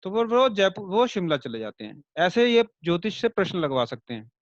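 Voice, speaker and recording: A man with a high-pitched voice teaches an online astrology class in a chatty way. He checks in with rhetorical questions and makes his points through homely comparisons. The recording is dry and a little dull and lo-fi. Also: sing-song, normal speed, no echo. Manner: conversational, with rhetorical check-ins to students; explains by everyday comparisons and light jokes.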